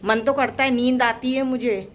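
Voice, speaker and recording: A young woman talks to the camera from her kitchen about her day and her young son as she goes about housework in this casual vlog. She speaks at normal speed in a fairly high voice with fairly even intonation, over a slight hiss or hum.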